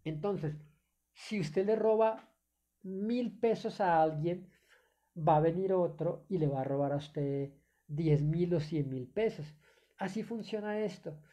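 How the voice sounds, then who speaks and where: A woman preaches a sermon in a low, mellow voice. She addresses the listener formally and keeps checking that they follow. Hesitant fillers come between her phrases. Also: slow.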